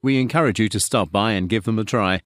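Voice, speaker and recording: A supermarket announcement, read by a man in a lowish voice with a clear, even and measured delivery. The sound is dry and close, with no store echo, as in a studio reading. He is a polite and upbeat store announcer addressing shoppers. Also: natural voice. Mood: announcing. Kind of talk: scripted supermarket announcement read for a listening test.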